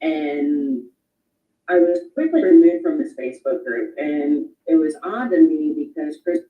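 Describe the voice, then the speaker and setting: A woman's voice: deep voice, a little slow, far from the mic. A woman giving a casual, hesitant personal account, heard through tinny, echoey playback.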